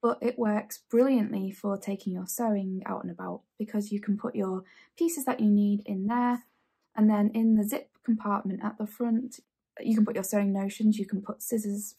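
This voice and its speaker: Chatty and full of enthusiasm, this English sewing channel host in her thirties leads a relaxed tutorial from her sewing room at home. Her mid-range voice is warm and slightly rough, with fairly even intonation and a moderate pace, and she often repeats phrases.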